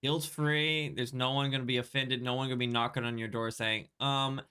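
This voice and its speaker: A man's voice: medium pitch, level tone, brisk, pushed and bright, clean tone. Chatty laughing male podcast co-host. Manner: chatty, laughs often, trails off and restarts. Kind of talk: casual chat. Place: living in Korea.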